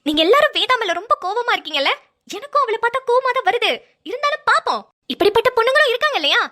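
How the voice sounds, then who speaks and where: A woman's voice: extremely high pitch, sing-song, very fast, pushed and bright. A woman hosting a cartoon channel, giving a chatty, upbeat outro to viewers.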